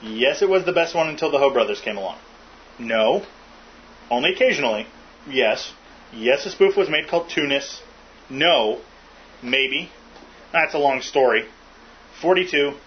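In casual chat, a man hosts a podcast, joking and rambling with fillers. His medium-pitched voice is animated and moves at a normal pace, broken by long pauses. The recording sounds muffled and lo-fi, with a faint hiss.

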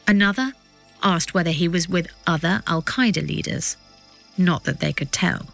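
A woman reading scripted documentary narration as a podcast narrator, with measured, suspenseful storytelling. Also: fairly low pitch, vocal fry, fairly bright tone, faint music behind.

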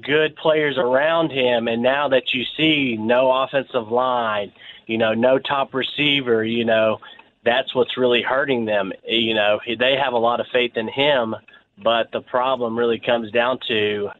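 A man calling in to a sports talk show over the phone, speaking earnestly with some halting fillers. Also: mid-range voice, fairly even intonation. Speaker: caller. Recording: tinny phone line with faint noise.

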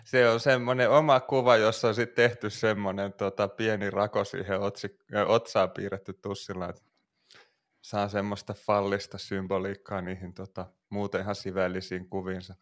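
Low-voiced joking male podcaster. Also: flat delivery. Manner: joking, laughs often. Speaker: podcast co-host. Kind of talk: casual sports chat.

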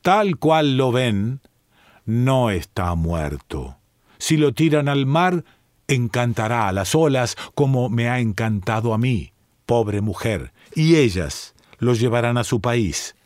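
Storybook widow, cruel and mocking; a man reads her, unhurried, dry close sound. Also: mid-range voice, expressive, a little mellow, no room sound. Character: wicked scheming widow woman.

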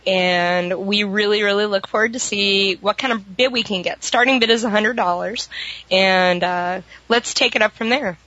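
A woman's voice: mid-range voice, steady tone, normal speed, pushed and bright, highs cut off. A woman podcast panelist talking in a casual, chatty style. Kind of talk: casual chat.

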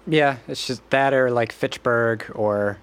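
A man's voice: mid-range voice, takes it slowly, smooth. A man from Western Massachusetts hosting a casual interview, asking curious, friendly questions. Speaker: podcast host.

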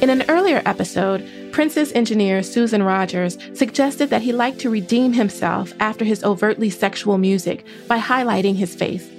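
A woman's voice: mid-range voice, moderate pace, gravelly, hardly any pauses, faint music behind. A woman hosting a podcast, narrating and conversing on a close studio microphone. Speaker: podcast host. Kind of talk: scripted podcast narration, some conversational interview.

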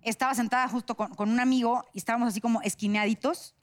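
A woman of middle age with a Mexican accent sits in as a guest on a loose, joking talk show. Her voice sits a little high and she tells her stories with lively energy, breaking into laughter as she goes. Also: fast talker. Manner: laughing, animated storytelling. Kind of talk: casual chat.

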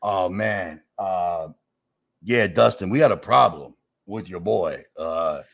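A man's voice: low voice, animated, takes it slowly, gravelly, fairly bright tone, heavily acted. A man voicing a curt, cagey, streetwise New York man who dodges questions. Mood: evasive.

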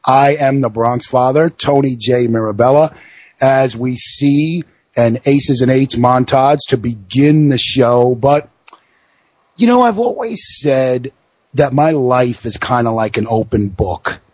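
A man's voice: medium pitch, measured pace, a little mellow, dry recording. A man hosting a wrestling radio show with casual live commentary and blunt talk. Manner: blunt, freely swearing.

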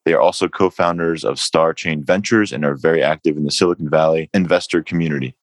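Super deep voiced guy hosting, quick friendly prompts, dry close sound. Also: dry recording. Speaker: podcast host. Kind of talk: hosting an interview.

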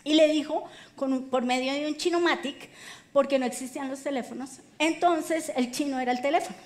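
A woman pastor preaching a sermon, telling the story in a lively way with colloquial humor. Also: high voice, a little fast.

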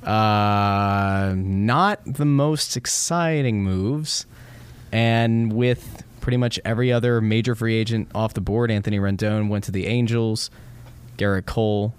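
Smooth, clear-voiced male sports host. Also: on the low side, unhurried. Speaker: sports talk show host. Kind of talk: casual sports talk hosting.

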